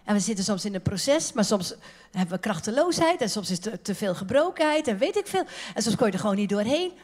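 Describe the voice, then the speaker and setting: A woman preaching a sermon at a women's conference, lively and joking, talking casually and acting out the people she quotes. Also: mid-range voice, quick pace. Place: church conference hall.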